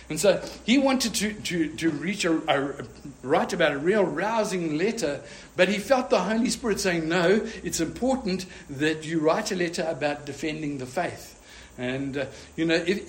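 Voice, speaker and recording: A man preaching a sermon as pastor, earnest and often restarting with fillers. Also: on the high side.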